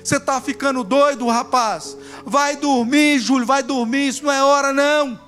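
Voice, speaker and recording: A man's voice: extremely high pitch, steady tone, normal speed, bright, forceful tone, faint music behind. A man doing a brusque, impatient brother. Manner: brusque, scolding. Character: dismissive boy, impatient older brother.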